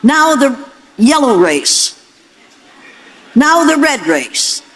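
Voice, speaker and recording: A woman's voice: high-pitched, very animated, very slow, a bit bright, low-quality recording. Older american lady giving a lecture, blunt and bossy, really stresses her points. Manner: blunt, commanding, emphatic. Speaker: educator and public speaker. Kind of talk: lecture to an audience.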